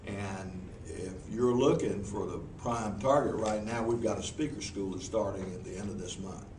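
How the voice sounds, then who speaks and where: A somewhat low-voiced man speaking at normal speed, with a Southern US accent, takes interview questions in front of a group in a meeting room. He's a professional speaker, folksy and earnest, prone to restarts. The mic is distant, and the room sounds echoey and noisy.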